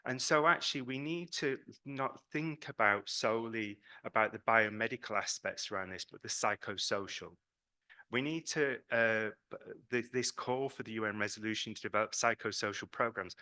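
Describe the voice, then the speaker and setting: A British man with a lowish, pushed, bright voice presents at a conference as a patient advocacy representative. He talks at a moderate pace, earnest and emphatic, in a semi-spontaneous presentation.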